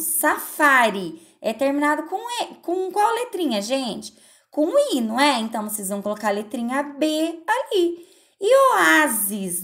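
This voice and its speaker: Lively woman teacher explaining to kids. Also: a little high. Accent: Brazilian Portuguese. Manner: patient, questions and answers herself. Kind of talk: recorded remote lesson for children.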